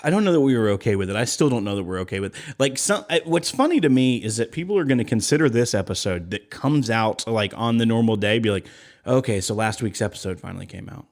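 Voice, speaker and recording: Animated man bantering on a podcast. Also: medium pitch, fast, hardly any pauses. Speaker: podcast co-host. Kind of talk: casual comedic podcast banter.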